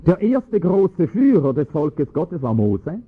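A man preaching a sermon, explaining scripture with emphatic, rising stress on key points and a husky voice. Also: a little high, big pitch swings, slow pace. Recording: tinny phone-like lo-fi recording.

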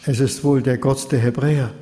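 A man voicing a grieving old father in a Bible story, grave and hushed. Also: mid-range voice, fairly even intonation, brisk, close to an everyday voice. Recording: long hall reverb.

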